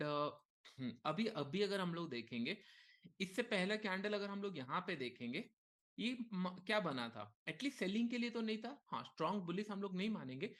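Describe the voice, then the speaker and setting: A man leading a live market lesson, talking casually and thinking aloud, with frequent okays and short pauses. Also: sits high, a bit bright. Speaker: trading instructor. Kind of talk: live market teaching session.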